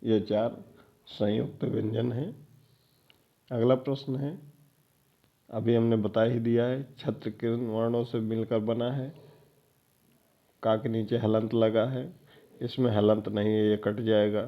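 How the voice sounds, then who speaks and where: In this dull lo-fi lecture recording, a man preps students for an exam, his mid-range voice level and measured, with frequent pauses. He repeats every answer word a few times and checks in with a rising "ठीक है" after each point.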